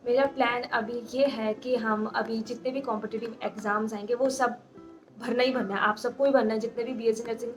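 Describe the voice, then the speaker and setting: A woman in her twenties answering viewer questions in a casual vlog, talking fast and mixing in English words, recorded on a handheld phone. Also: fairly high pitch, fairly even intonation, faint music behind. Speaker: nursing graduate vlogger. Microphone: phone held in hand.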